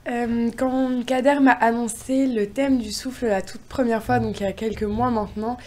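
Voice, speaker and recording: A woman's voice: a little high, fairly even intonation, normal speed, a little mellow. A young woman from France, a poet guest answering interview questions eagerly with many hesitations. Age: young adult.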